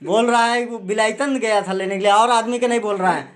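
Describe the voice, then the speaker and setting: A man's voice: high-pitched, fairly quick. A man angrily interrogating and scolding people indoors, repeatedly barking "huh?" and issuing demands. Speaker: man confronting suspected thieves. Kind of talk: heated interrogation. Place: rented room, indoors.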